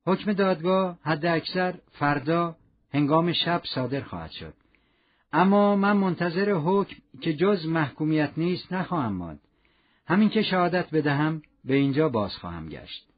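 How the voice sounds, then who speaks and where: A stern, unbending police inspector, read by a man with a husky, lively voice that sits a little low. He speaks gravely and formally, pressing his point. The audio is dull and lo-fi. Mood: grave, insistent. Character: stern male police inspector, rigid and self-punishing.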